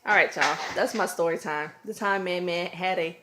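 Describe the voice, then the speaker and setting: A woman, a mother and vlogger, telling a casual storytime at home with loud, animated acted-out quotes and screams. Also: on the low side, normal speed, echoey room, heavy background noise. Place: home, room with children around.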